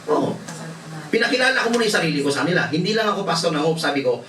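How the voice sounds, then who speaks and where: A man's voice: fairly high pitch, big pitch swings, racing, sharp tone. A male pastor from the Philippines preaching a sermon, telling stories with laughter and mixing in English. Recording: roomy hall, voice from far off, faint noise.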